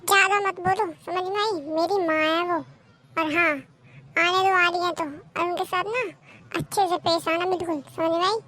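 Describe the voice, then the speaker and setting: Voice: extremely high pitch, steady tone, normal speed, sharp tone, slight background noise. A voice actor playing a stern young husband in a cartoon, sounding bossy. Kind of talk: cartoon voice acting.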